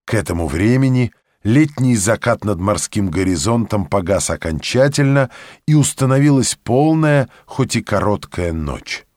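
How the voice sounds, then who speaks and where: A man reading an audiobook in an expressive storytelling way. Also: on the low side, normal speed, dry recording, studio quality. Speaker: narrator. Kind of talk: audiobook narration.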